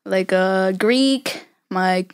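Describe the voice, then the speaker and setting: A woman's voice: mid-range voice, extremely slow, smooth. A young woman playing Cleopatra as a brash, boastful Egyptian queen who talks in modern slang and drawls her points. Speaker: student playing an interviewee. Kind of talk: school project role-play interview.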